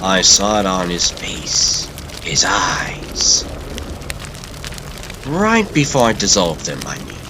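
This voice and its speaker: A man voicing a gleefully sadistic, unhinged clown supervillain in a comic dub, theatrical and taunting, lurching between hushed and shrieking. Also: deep voice, noisy background, heavily acted. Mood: sadistic glee.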